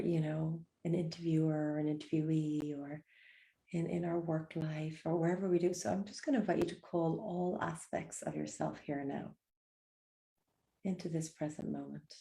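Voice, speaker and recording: A woman with a low, slightly gravelly voice guides listeners through a breathing meditation. She speaks softly and unhurriedly, her tone warm and mellow as she offers gentle invitations. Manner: soft, slow and soothing, gentle invitations.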